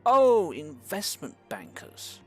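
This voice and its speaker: A man's voice: fairly high pitch, wildly swooping pitch, slow, fairly bright tone, husky, faint music behind. Sarcastic man reading game lines aloud. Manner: sarcastic, theatrical, reads game dialogue aloud in a mock-formal tone. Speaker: streamer playing a game for the first time. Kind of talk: casual live-stream banter.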